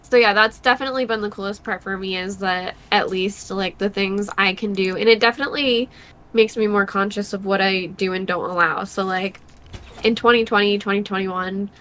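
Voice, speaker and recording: A woman's voice: medium pitch, steady tone, fairly quick, fairly bright tone. A young woman co-hosting a board game stream, talking casually with many fillers while she plays. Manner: chatty, many fillers, laughs often. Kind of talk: casual chat while playing.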